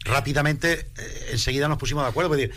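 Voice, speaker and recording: A man, a rumba singer, chatting in a radio interview in an animated, emphatic way. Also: on the high side, fast, slight background noise. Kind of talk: casual interview chat.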